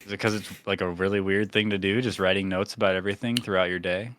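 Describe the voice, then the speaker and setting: A man's voice: deep voice, flat delivery, fast, fairly bright tone, dry recording, studio quality. A man co-hosting a podcast, chatting casually in slangy, teasing talk. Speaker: podcast co-host. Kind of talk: casual banter chat.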